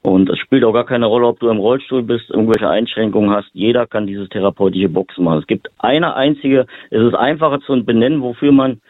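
A man's voice: mid-range voice, brisk, hardly any pauses, dry recording. A man from Berlin, a boxing therapist and lecturer, talking as an interview guest in loose, run-on sentences full of fillers. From Berlin, Germany. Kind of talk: interview guest, casual explaining. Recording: tinny phone-line audio.

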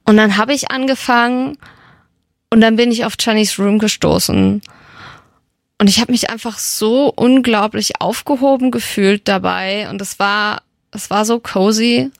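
A woman's voice: mid-range voice, steady tone, a little slow, creaky, dry recording, clean studio sound. A young woman radio host, chatting casually and enthusiastically as a fan, with many fillers. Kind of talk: casual radio chat about K-pop.

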